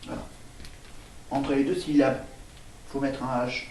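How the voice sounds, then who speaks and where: Slow, hesitant man in an echoey room. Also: medium pitch, flat delivery, dark tone, distant mic. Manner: hesitant, many fillers and restarts. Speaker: vlogger. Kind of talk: rambling casual vlog, spelling words aloud. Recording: echoey room, voice off-mic, faint noise.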